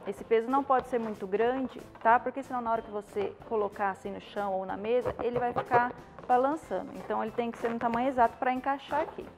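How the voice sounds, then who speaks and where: A woman's voice: fairly high pitch, quick pace, hardly any pauses, rough recording. A Brazilian woman in her thirties gives an informal hands-on tutorial, often adding short checking questions. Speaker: balloon decoration instructor. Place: indoor studio with balloon wall. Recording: music playing under the voice. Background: clear background music.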